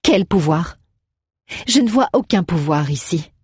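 A woman's voice: fairly low pitch, expressive, measured pace, darkish tone, slightly rough, no room sound, studio quality, heavily acted. A woman voicing a poised, commanding young woman who speaks with cutting sarcasm in an audiobook. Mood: mocking. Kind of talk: audiobook character voice.

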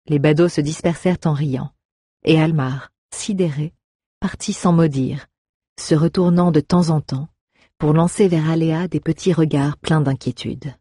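A woman narrates an audiobook with an expressive, storytelling delivery. Her voice is somewhat husky, and the recording is dry and close. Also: low-pitched, moderate pace, no room sound.

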